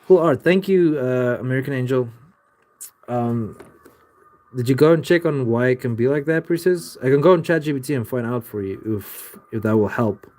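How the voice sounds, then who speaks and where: With a darkish tone and moderate pace, a young male artist chats on a livestream from his home art studio, his voice sitting at medium pitch. He wanders from point to point answering viewers, swearing casually and leaning heavily on "like."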